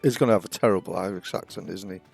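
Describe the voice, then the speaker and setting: Gravelly, sarcastic game streamer man. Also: deep voice, racing, over music. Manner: sarcastic, jokey asides. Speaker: streamer, host. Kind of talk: game playthrough commentary.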